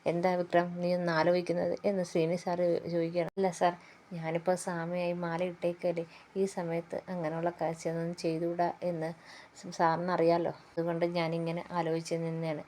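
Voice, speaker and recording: A woman's voice: on the low side, completely flat delivery, fairly quick, mellow, a little hiss or hum. A woman casually retelling a TV serial episode, quoting the characters' lines and often restarting words. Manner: retells dialogue in quotes, frequent restarts and stumbles. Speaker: serial recap narrator.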